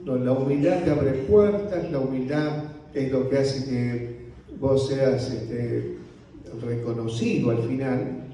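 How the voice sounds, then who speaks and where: A man with a Rioplatense accent teaches church leaders in a gentle, unhurried voice, tagging his points with a soft "right?". His tone is dark and mellow. He is picked up from a distance in a large, echoey hall with a long reverb. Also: mid-range voice, fairly even intonation, slight background noise. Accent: Rioplatense Spanish. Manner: slow, unhurried delivery with frequent "¿no?" tags; softly spoken. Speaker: pastor. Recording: roomy hall audio from a distance.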